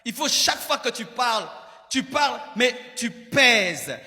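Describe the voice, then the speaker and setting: Forceful, admonishing Congolese male preacher. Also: very high-pitched, expressive, measured pace. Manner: admonishing, repeats phrases for emphasis. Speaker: pastor preaching. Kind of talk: sermon with acted examples and direct address. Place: large church hall, preaching to a crowd. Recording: reverberant hall.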